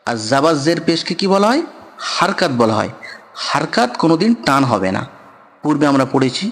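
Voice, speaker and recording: A man's voice: a little high, very animated, a little fast, fairly bright tone. A man teaching Quran reading step by step, patiently repeating syllables and often checking that his students understand. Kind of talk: step-by-step recitation lesson. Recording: long echoing reverb.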